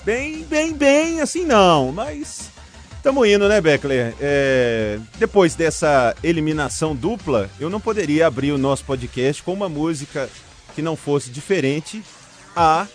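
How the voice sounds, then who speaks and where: A man talks football in a casual, blunt way. His voice sits a bit high and moves with plenty of animation, with some music underneath. He sounds informal and full of opinions. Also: expressive, moderate pace. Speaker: football podcast co-host and commentator. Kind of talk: casual sports chat.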